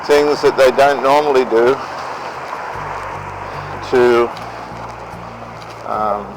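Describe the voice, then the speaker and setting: An Australian man giving an unscripted talk to viewers in a deliberate, halting way. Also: mid-range voice, over music, rough recording. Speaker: vlogger giving relationship advice. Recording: outdoor noise behind the voice.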